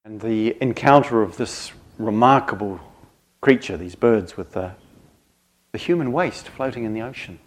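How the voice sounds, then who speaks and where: A man speaking as a Dharma teacher to a group, earnest and reflective, in short halting phrases with thoughtful pauses. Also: fairly low pitch, animated. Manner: grave, earnest. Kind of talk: reflective spoken talk to a group.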